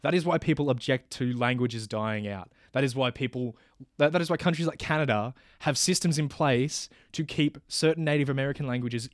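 A man's voice: medium pitch, dry recording, studio quality. A man making sardonic arguments in a mock debate. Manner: sardonic, quick comebacks.

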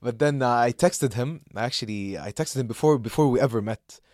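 With a mid-range, slightly mellow voice and a somewhat fast pace, a young Saudi podcast co-host chats casually, rambling with frequent laughter, fillers, and restarts. The studio sound is clean with no room echo.

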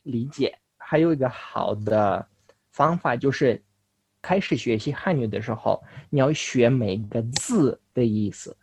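A young man from Russia, a native Russian speaker, talks casually as an interview guest in foreign-accented Mandarin, halting and correcting himself. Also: mid-range voice, a little mellow, a little hiss or hum. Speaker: interview guest, language learner.

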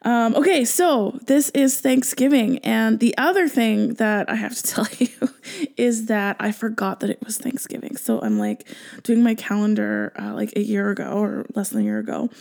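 A woman's voice: on the high side, expressive, moderate pace, gravelly, darkish tone. A Canadian woman hosting a podcast solo, chatting casually and effusively in a rambling way full of asides. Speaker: podcast host.

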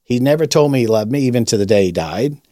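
A man's voice: medium pitch, lively intonation, quick pace, dark tone, no room sound, studio quality. A man hosting a podcast, telling a personal testimony in a rambling conversational way, with frequent restarts. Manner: rambling, with many restarts and fillers. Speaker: podcast host and rabbi.

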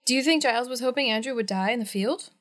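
A woman co-hosting a podcast in casual chat, animated and teasing, laughing often. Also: on the high side, fast talker. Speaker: podcast co-host.

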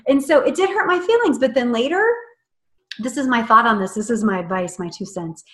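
On a podcast, a female guest with a fairly high, fairly bright voice speaks briskly and animatedly in a casual chat about her own book, laughing frequently. The sound carries a roomy echo.

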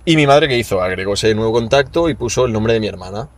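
A man's voice: fairly low pitch, fast talker. A young man with a Spanish accent, a podcast host telling stories in casual chat with lots of slang. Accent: Spain Spanish. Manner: animated storytelling with slang.

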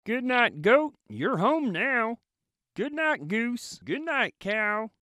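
A man voicing a cheerful little blue pickup truck in a high, chirpy, beeping voice for a storybook reading. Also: very animated, slow, sharp tone, dry recording, studio quality, heavily acted. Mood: sleepy.

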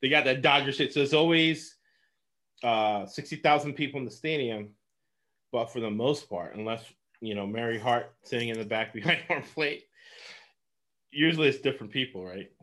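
A man's voice: medium pitch, normal speed, a bit bright. A man from Los Angeles giving casual sports betting picks, rambling and laughing often.

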